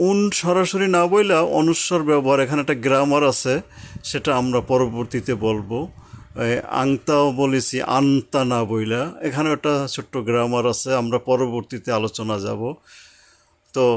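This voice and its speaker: A man teaching Quran reading step by step, patiently repeating points and slowly sounding out each syllable. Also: a little high. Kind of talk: step-by-step recitation lesson.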